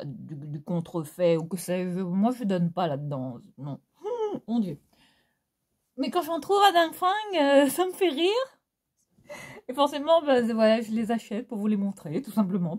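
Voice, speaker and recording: In a mid-range, sing-song voice that's a little mellow, a woman with a Réunionese French accent chats at a moderate pace in her fashion haul vlog. She addresses viewers casually, with theatrical flair, frequent laughs, and lots of fillers.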